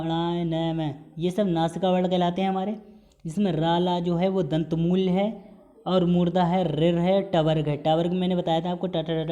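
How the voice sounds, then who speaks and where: A man's voice: sits high, warm tone. A man teaching a recorded exam-prep lesson as a Hindi teacher. He explains step by step, drags out sounds to show how they are pronounced, and mixes English terms into his talk. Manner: explanatory, drawn-out sounds to demonstrate pronunciation.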